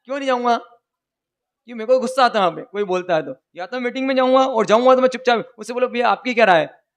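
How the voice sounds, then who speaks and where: A male preacher delivering a sermon full of stories and questions to the audience. His voice sits high in pitch, and at times he chants vows in a rhythmic recitation. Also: quick pace. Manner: lively, asks the audience questions. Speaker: religious preacher. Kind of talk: sermon with storytelling.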